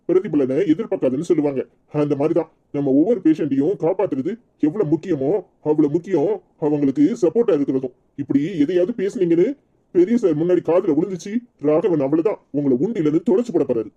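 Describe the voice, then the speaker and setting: A brisk hospital doctor in a cartoon, voiced by a man, talks fast in a dark, mellow voice and lectures his staff. He has a Tirunelveli Tamil accent, and the recording sounds dull and lo-fi. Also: a little high, close to an everyday voice.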